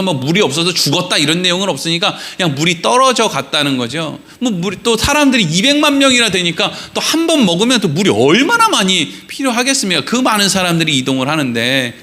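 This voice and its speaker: Lively, high-voiced man preaching. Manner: animated, acts out quoted voices, jokes with the congregation. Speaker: pastor. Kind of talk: sermon. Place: church sanctuary.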